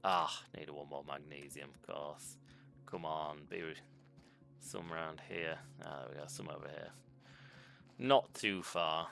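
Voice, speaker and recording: Into a desk microphone, a male channel host gives casual commentary on a video game, thinking aloud with ums and self-corrections. His bass voice is gravelly, pushed and bright, and his pace is a little slow.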